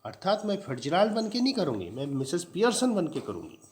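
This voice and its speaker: A man's voice: sits high, huge pitch swings, quick pace, noisy background, voice pushed up. A man voicing a bossy, commanding woman. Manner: forceful, insistent, commanding. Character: bold domineering middle-aged woman, a smoker.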